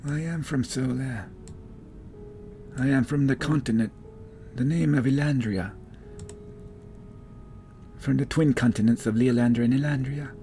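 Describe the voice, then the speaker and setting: A man voicing a measured, formal elf woman in a raised, softened voice. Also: mid-range voice, soft background music, voice pushed up, close to an everyday voice. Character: elf woman from another continent, measured and wary.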